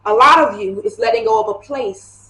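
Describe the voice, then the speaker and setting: A woman giving a casual tarot reading to camera, chatty and animated, laughing often as she talks. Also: a little high, normal speed. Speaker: tarot reader. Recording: echoey room.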